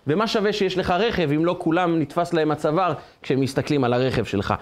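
A man, a rabbi giving a Torah lesson, who tells stories with animation and asks rhetorical questions. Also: a little high.

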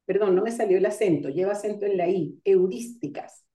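A woman giving an online lecture on coaching, explaining ideas step by step and pausing with fillers to gather her thoughts. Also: mid-range voice, warm tone. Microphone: video call. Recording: roomy sound, far from the mic.

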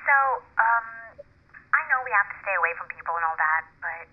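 A woman's voice: on the low side, animated, a little fast, slightly rough. An actress playing a shy, giggly young woman with a crush, heard over a phone on speakerphone, hesitant and trailing off. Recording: tinny phone line.

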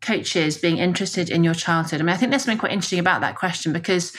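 A woman's voice: fairly low pitch, rapid-fire, a bit bright. A woman co-hosting a coaching podcast, speaking in a reflective, casual way and often affirming with "yeah". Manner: reflective, many affirming yeahs. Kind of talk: casual conversational podcast chat.

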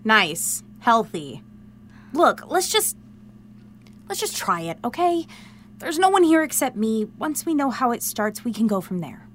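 In a modern audio drama, a young woman plays an excitable, caring, pushy confidante who speaks in an informal, earnest, coaxing way. Her voice is on the high side and unhurried, with a little hiss or hum in the recording.

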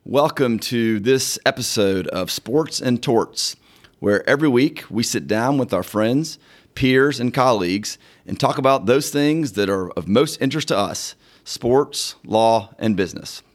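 Hosting a casual podcast chat in a law firm conference room, this middle-aged lawyer comes across as upbeat, friendly and sincere. He speaks in a mid-range, expressive voice, taking his time.

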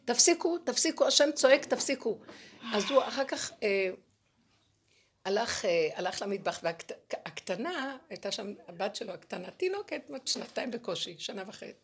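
A woman's voice: medium pitch, animated, slight background noise. A woman giving a fervent religious talk, telling personal stories and acting out the dialogue. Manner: acts out dialogue, shifting voice for quoted people; fervent, rising to emphatic peaks. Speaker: spiritual teacher.

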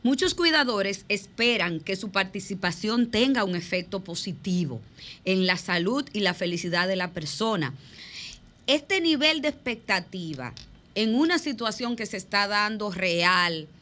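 A woman hosting a radio talk show, asking measured questions with thinking pauses. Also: mid-range voice, very animated, bright, forceful tone.

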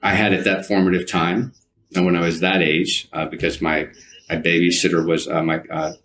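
A man in his 50s from the United States, partly Alabama and California, reminisces conversationally as an interview guest. His deep voice has a flat delivery, normal speed, and fairly bright tone. He rambles, circling back and rephrasing himself often.

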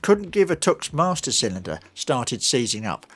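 A man's voice: medium pitch, big pitch swings, moderate pace, fairly bright tone, husky. A man narrating scripted travel stories as a podcast host.

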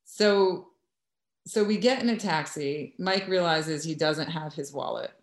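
A woman from New York telling a lively story in casual chat, acting out what others said. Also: deep voice, a little slow. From United States. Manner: animated, acts out quoted voices. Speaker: guest. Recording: echoey room.

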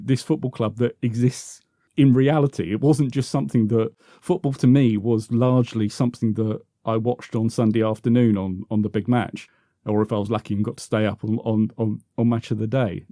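With a warm, medium-pitched voice, a man in his fifties from South London reminisces casually as an interview guest, rambling, hesitant, and frequently correcting himself. He's a football podcaster with a London accent, recorded at studio quality with no echo.

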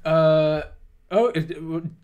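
A man hosting a podcast, talking casually with frequent pauses and restarts. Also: a little high, steady tone, darkish tone, clean tone, muffled recording. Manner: hesitant, many fillers and restarts. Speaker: podcast host. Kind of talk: casual chat.

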